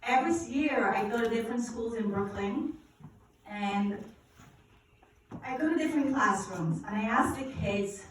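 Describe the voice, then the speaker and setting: A woman from Guyana, giving an energetic money seminar at a church and drawing responses from the audience. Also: on the high side, moderate pace, long pauses, a little hiss or hum. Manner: energetic, asks the audience questions, preacherly. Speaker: finance educator speaking at a church event. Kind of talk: live seminar talk with audience call-and-response. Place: large echoey church hall. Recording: echoey hall from far off.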